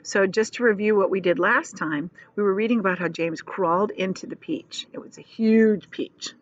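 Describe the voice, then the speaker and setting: A female teacher with a medium-pitched voice reads a children's storybook aloud with expression, stopping now and then to explain things in simple, casual words. The audio sounds dull.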